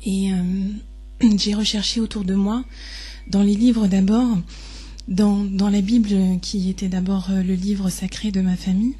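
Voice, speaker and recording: A woman in her twenties giving a personal testimony, hesitant and deeply moved, often pausing and restarting. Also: little pitch movement, mellow, breathy edge. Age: 20s.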